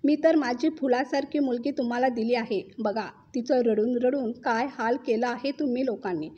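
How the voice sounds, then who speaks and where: A woman's voice: fairly high pitch, normal speed, warm tone, husky, lo-fi sound. A woman voicing a quarrelsome middle-aged mother who accuses and scolds her daughter's in-laws. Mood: accusing.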